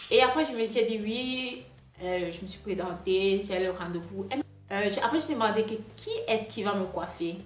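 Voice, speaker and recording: A woman talks casually into the camera, full of fillers and restarts, her French marked by a foreign accent. The room gives her voice a noticeable echo. Soft music plays faintly behind her. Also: medium pitch. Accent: non-native French accent. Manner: rambling, chatty, many fillers and restarts. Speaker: hair vlogger. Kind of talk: casual storytime monologue.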